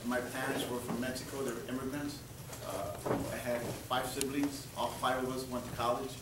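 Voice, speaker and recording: A man's voice: medium pitch, steady tone, normal speed. Friendly man speaking in an echoey hall. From Texas, US. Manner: friendly, joking, stumbles over repeated words. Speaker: event host and presenter. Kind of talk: introductory talk to an audience. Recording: echoey hall from far off, with noise.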